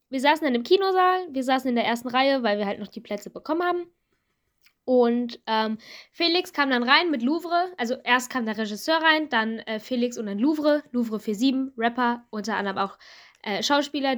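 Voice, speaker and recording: A woman's voice: on the high side, fairly bright tone. A young woman co-hosting a casual podcast chat, telling stories in an enthusiastic, chatty way. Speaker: podcast co-host.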